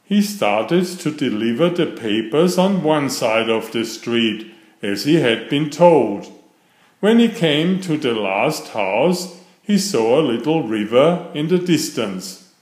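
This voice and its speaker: A storybook narrator with a medium-pitched voice reads a children's story aloud, deliberate and expressive in his storytelling, and the sound is roomy.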